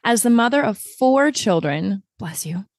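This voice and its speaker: A woman's voice: fairly high pitch, lively intonation, a little slow, no room sound, clean studio sound. A woman hosting a podcast, reading an upbeat scripted intro and then chatting effusively with a guest. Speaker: podcast host. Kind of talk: scripted intro and interview chat.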